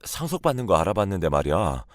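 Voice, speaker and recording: A man playing a hushed, confiding husband. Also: low-pitched, very animated, fast talker, no echo, clean studio sound. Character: middle-aged husband, earnest and excited.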